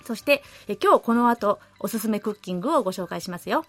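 A woman hosting a radio show, reading listener letters aloud and chatting about them in a friendly, gentle way with soft laughs. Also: mid-range voice, animated, quick pace, soft background music. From Korea. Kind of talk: casual radio talk. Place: radio studio.

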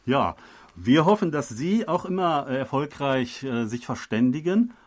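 A man co-hosting a radio talk program, speaking at a medium pitch in a loose conversational way. He stops often on drawn-out filler sounds while he searches for the next word. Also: very animated. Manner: hesitant, many filler sounds. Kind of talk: conversational explaining.

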